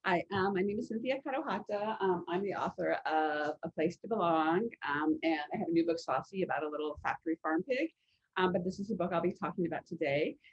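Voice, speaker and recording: A woman author from the United States introducing herself on a panel, soft-spoken and hesitant with many fillers. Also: fairly low pitch, brisk, slightly rough. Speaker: children's author. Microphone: video call. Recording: dull lo-fi call audio.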